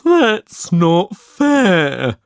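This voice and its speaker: A sulky young camel , voiced by a woman, whines and protests in a high, complaining storybook voice. The lines come out slow and drawn out, swooping widely up and down, with a dry, close sound. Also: very animated, no echo, exaggerated voice. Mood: whiny. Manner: whiny, pleading questions. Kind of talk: storybook reading.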